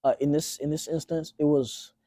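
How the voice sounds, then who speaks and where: A man in his twenties, born in Tanzania, speaking as an interview guest in a relaxed, halting way with many fillers and restarts. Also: a little high, dry recording, studio quality. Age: 20s. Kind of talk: casual interview.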